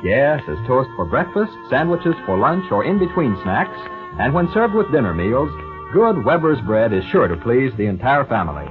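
A man's voice: mid-range voice, very animated, normal speed, over music. A man with an American accent reading an advertisement as a 1940s radio announcer. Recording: thin, tinny vintage radio recording.

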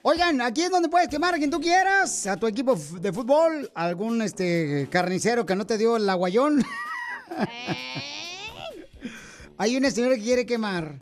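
A man's voice: very high voice, animated, normal speed, hardly any pauses. A man hosting a radio show, teasing callers with playful nicknames. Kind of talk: lively radio banter.

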